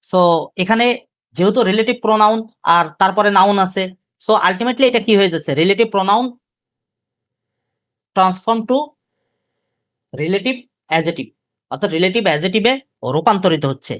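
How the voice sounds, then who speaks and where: A man with a Bangladeshi Bengali accent teaches grammar in a live lecture, repeatedly questioning the class and saying key terms slowly. His high-pitched voice is fairly bright, captured in a dry, studio-quality recording.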